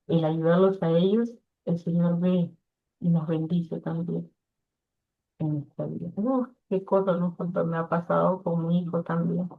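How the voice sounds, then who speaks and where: A woman's voice: on the low side, creaky. A woman giving an earnest personal testimony in an interview, acting out what others said to her. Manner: earnest, quotes others in lively voices. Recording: tinny phone-like audio.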